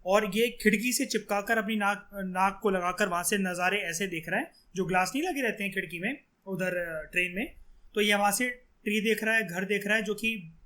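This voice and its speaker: A man's voice: high-pitched, moderate pace, sharp tone. A male teacher giving a chatty lecture, talking straight to his students and acting out example lines. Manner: chatty, addresses students directly and acts out lines.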